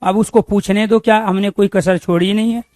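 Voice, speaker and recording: A man's voice: sits high, steady tone, brisk, darkish tone, dry recording, clean studio sound. A man teaching a grammar lesson, asking questions and answering them himself, repeating key terms so they stick.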